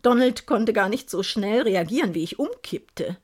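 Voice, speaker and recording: A woman narrating a first-person story aloud in a lively, expressive manner. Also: mid-range voice, normal speed, husky.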